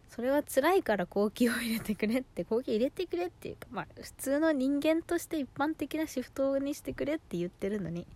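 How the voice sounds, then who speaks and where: Woman, 20s, slightly high voice, slangy valley-girl gyaru delivery, casual and exasperated monologue. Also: a little mellow. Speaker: host of a personal audio diary. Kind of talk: casual chat, venting monologue.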